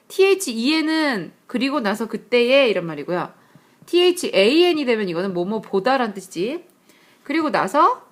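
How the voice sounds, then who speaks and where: Woman, English teacher, slightly high voice, screencast grammar lesson, patient explanations, rhetorical questions. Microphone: tablet screencast mic.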